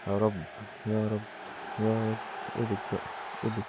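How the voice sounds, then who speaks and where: A man's voice: fairly low pitch, completely flat delivery, a little fast, heavy background noise. A young man with an Egyptian Arabic accent, chatting casually while opening football game packs, muttering prayers and groaning in frustration. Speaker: mobile football gamer. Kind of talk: casual gaming commentary.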